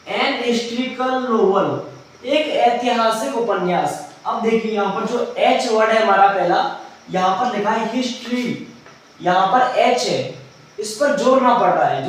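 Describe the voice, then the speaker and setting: A male English grammar teacher explaining rules step by step, asking his own questions and answering them. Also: high-pitched. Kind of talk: classroom lesson. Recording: very echoey room, mic far off, faint noise.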